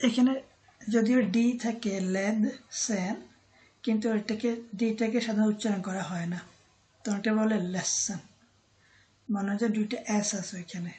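A woman teaching a vocabulary lesson, repeating each word and pausing often with a filler word. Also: mid-range voice, dark tone, poor audio. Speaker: language teacher.

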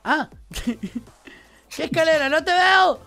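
Playful young male gamer, Rioplatense accent, very high voice, excitable, faint music underneath. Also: takes it slowly, gravelly. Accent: Rioplatense Spanish. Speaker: gamer in a duo gameplay video. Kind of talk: casual gameplay commentary.

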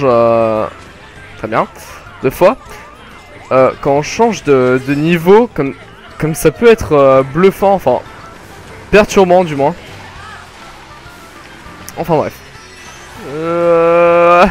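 A young man casually commenting his kart race, joking and rambling with sudden excited outbursts. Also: fairly high pitch. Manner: jokey, rambling, self-mocking, bursts of excited yelling. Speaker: gaming commentator. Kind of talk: casual let's play commentary.

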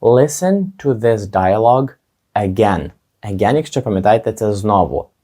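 A man teaching a spoken language lesson, modelling practice phrases slowly and deliberately. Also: on the low side, animated, mellow. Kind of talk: scripted lesson narration.

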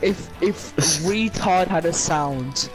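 A man's voice: high-pitched, takes it slowly. A man in casual gaming voice chat, teasing his friend with crude, swearing banter. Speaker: gamer in voice chat. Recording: voice chat over loud music.

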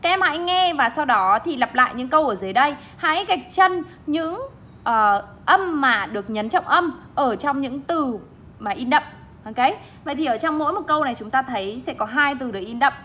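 This young English teacher has a clear, bright voice slightly higher than most women's. At a moderate pace and in an animated manner, she explains word stress in a bilingual classroom style, pressing hard on the stressed syllables of each word she models, over a faint hiss or hum.

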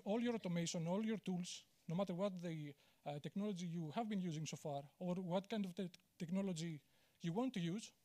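Speaking into a handheld mic at a conference in a large auditorium, a man from Greece uses a warm voice on the high side. He comes across candid and self-mocking, with many fillers and restarts.

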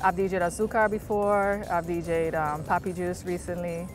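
A woman's voice: fairly low pitch, level tone, normal speed, faint music behind. A woman, a DJ speaking in an easygoing documentary interview outdoors in a park, often saying "you know" and "um". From Trinidad.

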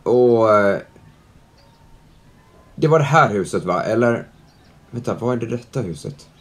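A man's voice: medium pitch, expressive. Chatty young man narrating a game. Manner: chatty, reacts loudly and jokes at the game. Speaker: gaming youtuber. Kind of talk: let's play commentary. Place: at home, indoors.

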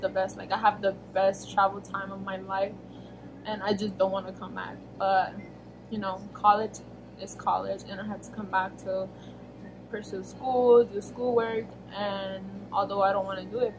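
A woman's voice: medium pitch, level tone, moderate pace, noisy background. A young American woman answering viewer questions in a casual vlog, talking in a rambling way with many fillers and self-corrections, recorded on a camera close in front of her in a small bedroom. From United States. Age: young adult. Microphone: camera at arm's length, face framed close.

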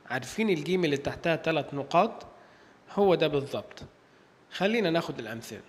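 A man's voice: on the high side, expressive, long reverb tail. A man with an Egyptian Arabic accent teaching an English pronunciation lesson, stretching out each example word and then repeating the list. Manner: drawn-out, careful pronunciation of example words, repeated twice. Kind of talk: language lesson.

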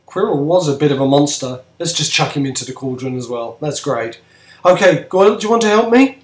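A man voicing Wormtail, a cheerful male rat-man hosting a cooking show in an amateur brick-film cartoon, with chatty, lively cooking-show patter. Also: a little high, fairly quick, close to an everyday voice. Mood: chirpy. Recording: echoey room.

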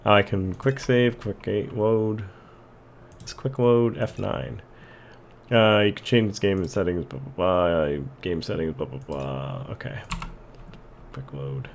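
A man's voice: low voice, slow, gravelly, slight background noise. A man hosting a let's play, casually commenting and reading the game's text aloud with a chuckle. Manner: reads on-screen text aloud, chuckles, hums along. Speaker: gaming channel host.

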